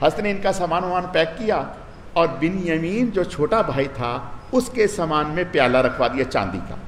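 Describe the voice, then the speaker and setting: Male religious scholar, animated sermon storytelling, slightly high voice, reverberant hall. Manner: storytelling with voiced dialogue, rising and falling emphasis. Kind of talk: Quran commentary sermon. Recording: hall with long reverb, faint noise.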